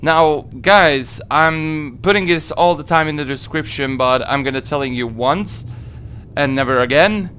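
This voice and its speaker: A young man from Hungary with a Hungarian accent, answering viewer questions in a casual gaming Q&A, halting through his English with many fillers. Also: on the high side, a bit bright, slight background noise. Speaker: gaming video creator. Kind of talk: casual Q&A monologue.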